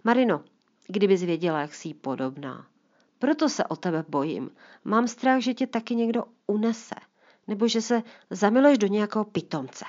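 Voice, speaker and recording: A woman's voice: medium pitch, lively intonation, a little mellow, dull audio, voice pushed up, close to an everyday voice. A woman voicing a mild, slightly awkward middle-aged father in a storybook reading. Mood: worried.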